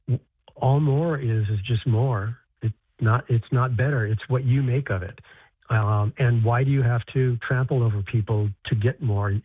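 A man's voice: mid-range voice, no echo. An American man talks as an author guest in an interview, stumbling and restarting his sentences often. His voice comes through a tinny, phone-like line. It sounds dry, with no room around it. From United States. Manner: halting, many restarts and repeated words. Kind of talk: interview conversation.

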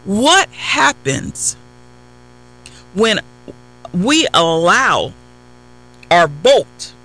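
A man's voice: high-pitched, very animated, very slow, pushed and bright, low-quality recording. A man preaching a sermon, reading scripture verses and then retelling them in plain words with repeated phrases.

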